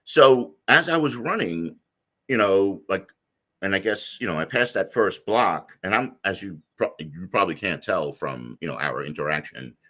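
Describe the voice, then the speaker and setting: A middle-aged man with a very deep, low voice and a bright, forceful edge. He tells his story in a loose, rambling way, full of fillers and restarts, as a guest in an interview. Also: animated, normal speed.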